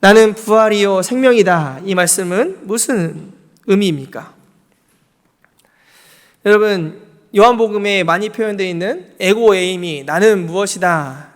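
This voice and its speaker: A man's voice: high-pitched, unhurried, pauses often, in a large hall. A male pastor preaching a sermon to his congregation, emphatic and asking them questions. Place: church sanctuary.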